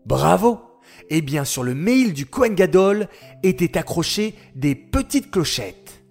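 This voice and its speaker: A man voicing a patient, knowing boy who explains things slowly in a children's story. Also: sits high, big pitch swings, creaky, a little mellow, soft background music, full character voice. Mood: patient, warm.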